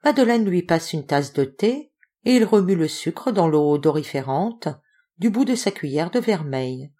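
A woman narrating a literary audiobook. Her voice sits fairly low, and she reads expressively, with a wide, lively melody. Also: moderate pace. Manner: expressive, varied reading. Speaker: audiobook reader.

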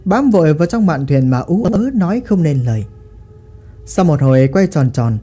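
Expressive woman telling a ghost story. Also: low voice, breathy edge.

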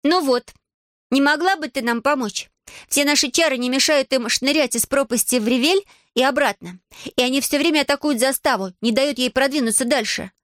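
A woman voicing a bossy, clever young witch girl who explains things briskly, with a dry edge. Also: high-pitched, no room sound, voice pushed up, close to an everyday voice. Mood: explaining.

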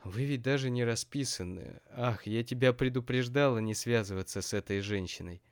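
A man's voice: medium pitch, normal speed, clear, resonant tone, lightly acted. A man voicing an anxious older mother who pleads with and soothes her son in an audiobook.

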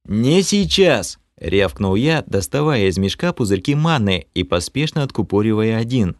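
A man reading a fantasy audiobook in the first person, animated and expressive. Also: lowish voice, moderate pace, dry recording, clean studio sound. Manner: animated reading with lively shifts of tone. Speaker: audiobook narrator.

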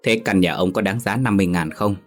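A man's voice: low voice, fast, soft background music. A man voicing a wealthy young gambling lender who is friendly but scheming. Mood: sly.

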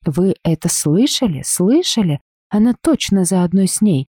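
A woman's voice: lowish voice, big pitch swings, measured pace, dark tone, slightly rough, dry recording, studio quality, exaggerated voice. A woman doing a preachy, zealous village woman. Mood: accusing.

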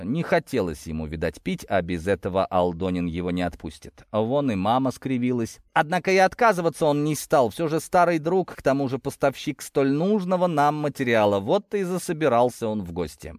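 An audiobook narrator with a mid-range voice reads a novel from a script in an expressive storytelling manner. The recording is studio quality, with no room sound.

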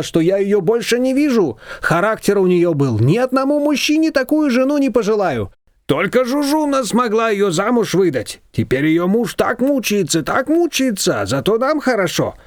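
A man's voice: high-pitched, big pitch swings, dry recording, clean studio sound, pitched above the performer's own voice. A man doing a sly, haggling pastry-shop woman. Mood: bargaining. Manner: bargaining, chatty, drawn-out. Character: haggling middle-aged female confectioner, gossipy and sly.

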